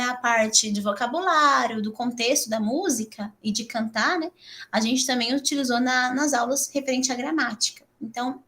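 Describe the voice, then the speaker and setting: A chatty Brazilian woman, an English teacher with a Brazilian Portuguese accent, presents a training talk to fellow teachers. She's animated, laughing and leaping up in pitch, and fills her speech with frequent "né".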